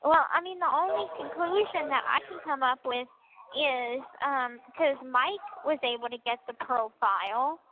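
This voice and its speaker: A woman talking casually over a prison phone line, relaxed and answering briefly with soft agreeing sounds. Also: high voice, moderate pace. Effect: speaking over a prison phone line. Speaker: inmate on a phone call. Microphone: telephone handset.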